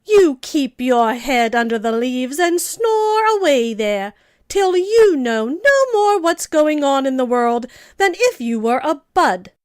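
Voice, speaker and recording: A haughty, passionate talking flower from a storybook. The voice is high and very deliberate, bossing and scolding with heavy emphasis. It sounds slow and dry. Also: female voice, very animated, no echo, heavily acted. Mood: indignant scolding. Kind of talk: storybook character voice.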